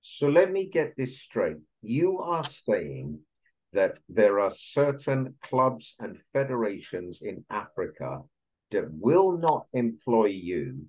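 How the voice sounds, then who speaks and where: A man asks careful, probing questions over a video call. His voice is low and husky. The lo-fi call audio makes it sound dull. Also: sing-song, slow pace, a little mellow. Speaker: interviewer. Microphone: video call laptop mic.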